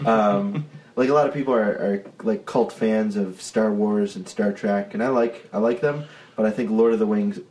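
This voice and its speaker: Brief: young male podcast co-host, Buffalo New York accent, lowish voice, rambling and laughing, faint hiss. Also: normal speed, darkish tone, rough recording. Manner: laughs often, rambling with restarts. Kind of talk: casual chat.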